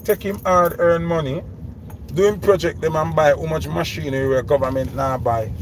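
Speaking at a normal speed in a fairly high, steady tone, a Jamaican-accented vlogger in his thirties delivers ranting commentary from a noisy car interior. He keeps repeating his questions and blends Patois into his English, with the phone camera held near him.

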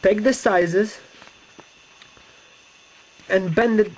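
In his bedroom, perched on the bed, a young man with a Romanian accent and fairly high voice walks through a casual paper-folding tutorial, pausing and repeating as he gropes for English words. A close webcam picks this up as dull, lo-fi sound with a faint hiss underneath.

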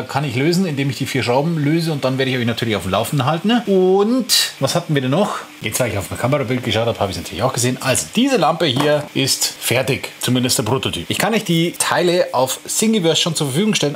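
A man in his thirties chatting to the camera from a home workshop full of 3D printers. He rambles on in a loose, self-mocking way. A faint machine hum sits under his voice from a desk-distance mic. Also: medium pitch. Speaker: 3D printing channel host. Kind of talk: casual chat to camera. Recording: faint printer noise in room.

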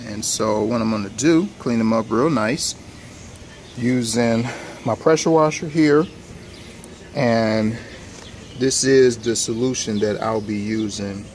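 A home improvement vlogger films his front-yard work on a handheld phone, his mid-range voice slow and full of pauses over a faint hiss or hum. He talks loosely and relaxed, rambling through the walkthrough with plenty of fillers and restarts.

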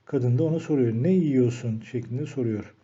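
A man teaching an English grammar lesson, slowing down to read each example sentence aloud. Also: medium pitch, warm tone, slightly rough. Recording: dull lo-fi recording.

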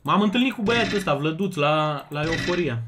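A young man from Romania streaming slots live, chatting casually and loudly greeting viewers one after another. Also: fairly high pitch, noisy background. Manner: loud, excitable, greets chatters rapidly. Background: music.

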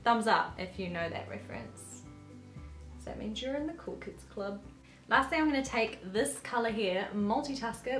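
A young woman chatting casually through a makeup tutorial, rambling with lots of filler words, her throat a little croaky. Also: mid-range voice. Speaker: beauty vlogger. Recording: roomy echo with faint music.

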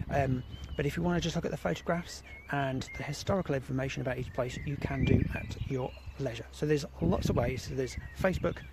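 A man's voice: mid-range voice, darkish tone, slight background noise, poor audio. A man hosting a live outdoor broadcast, talking casually and rambling with restarts and repeated fillers. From England. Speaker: host of a live exploring broadcast. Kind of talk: casual live-stream monologue. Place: outdoors at an abandoned rail site.

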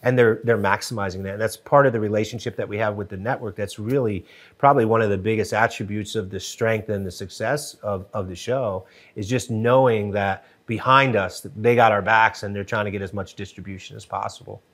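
A middle-aged man from Western Pennsylvania, a guest on a studio podcast, talking casually and animatedly with many restarts, recorded on a boom-arm mic. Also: fairly quick. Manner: animated, gestures a lot, frequent restarts. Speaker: podcast guest, TV show co-creator. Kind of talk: casual interview chat. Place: wood-paneled podcast studio.

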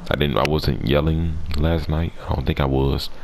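A young man with a raspy voice doing casual, slangy, playfully complaining commentary over a video game. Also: very deep voice, fairly even intonation, normal speed, a little mellow. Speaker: gaming video host. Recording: noisy track with game sounds behind. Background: video game audio.

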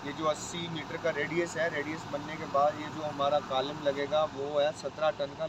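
Man explaining crane work on a noisy site. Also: fairly high pitch. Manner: step-by-step technical explaining. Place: outdoor construction site at night. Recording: noisy outdoor site audio. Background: engine and vehicle noise.

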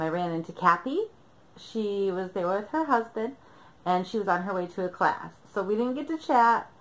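A woman's voice: on the low side, a bit bright, rough recording. A young woman chatting to camera at home, recapping a trip, chatty with frequent laughs and fillers. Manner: chatty, laughs often, many ums. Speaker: knitting vlogger. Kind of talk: casual chat to camera. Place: bedroom, indoors.

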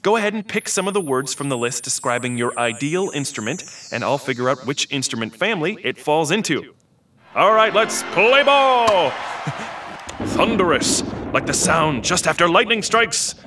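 A man's voice: a little high, expressive, moderate pace, pushed and bright, a little hiss or hum. A man voicing an eccentric, outdated male computer who chats, jokes and laughs at his own puns while guiding kids through instruments. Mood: cheerful. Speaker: instrument selection guide. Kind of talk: scripted educational character. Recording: distant voice over music. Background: music.

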